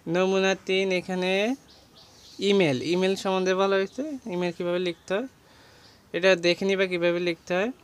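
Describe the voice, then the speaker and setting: Flat-toned man teaching exam prep. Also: high voice, moderate pace, clean tone. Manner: walks page by page through a textbook, listing words and meanings. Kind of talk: exam guidance lesson.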